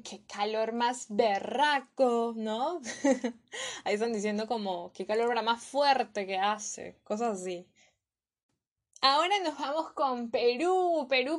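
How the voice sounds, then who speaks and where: A young woman from Peru with a Peruvian Spanish accent, teaching slang in a playful, casual vlog style and repeating each word to drill it. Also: fairly high pitch.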